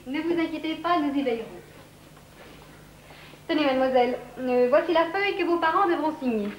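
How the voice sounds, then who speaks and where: An actress playing a polite, hesitant social worker from metropolitan France who speaks formally. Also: female voice, high voice, a little fast, muffled recording, slight background noise, close to an everyday voice. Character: shy, proper young female social worker.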